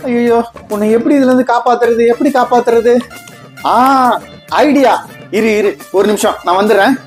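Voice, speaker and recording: A woman's voice: fairly high pitch, fairly even intonation, normal speed, a little mellow, faint music behind, natural voice. A woman playing a teasing, fussy father who scolds his little daughter in a comedy skit. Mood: flustered. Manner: teasing, then flustered and panicky.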